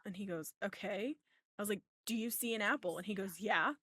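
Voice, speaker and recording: A woman's voice: mid-range voice, fast talker, sharp tone, no room sound, clean studio sound. A woman in her thirties hosting a podcast, telling a story in casual chat and acting out the back-and-forth dialogue with free swearing. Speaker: podcast host.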